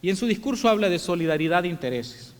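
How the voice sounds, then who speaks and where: A man from El Salvador giving a formal welcome address as president of an international congress, telling the story in a measured, reflective way. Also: high voice, animated. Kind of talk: formal speech. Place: large theatre hall. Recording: long hall reverb.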